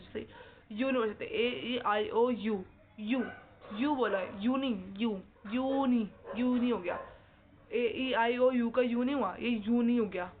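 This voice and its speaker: A young woman teaching at an easy pace, often repeating words and putting questions to the class. Her voice sits a little high. The sound is thin and tinny like a phone line, with a faint hiss underneath. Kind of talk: explaining lesson.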